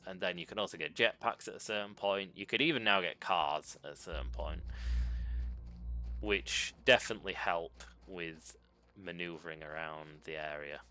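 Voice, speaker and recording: This man's voice sits low with a sharp tone as he hosts a channel and casually narrates a video game. Speaking into a desk mic, he thinks out loud, filling gaps with ums and correcting himself.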